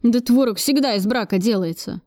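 A woman reading an audiobook, voicing a furious, gruff middle-aged male factory director who curses and shouts. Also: on the high side, fairly quick, dry recording, clean studio sound, close to an everyday voice. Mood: grumbling.

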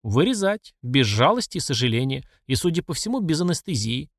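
A man's voice: fairly high pitch, sing-song, fairly quick, no echo, studio quality. A man voicing a furious middle-aged emperor who scolds and accuses his mother. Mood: angry. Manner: angry and accusing.

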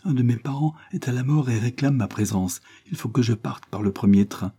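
A man's voice: medium pitch, a little fast, mellow, breathy edge, pitched above the performer's own voice, lightly acted. A man reading an audiobook, voicing a proud, scheming young woman servant who speaks indignantly and defiantly. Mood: pleading.

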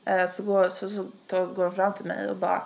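A woman's voice: medium pitch, monotone, gravelly, a little mellow. A young woman tells a long story in casual podcast chat. She rambles, stacks fillers and acts out quotes as she goes. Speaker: podcast host.

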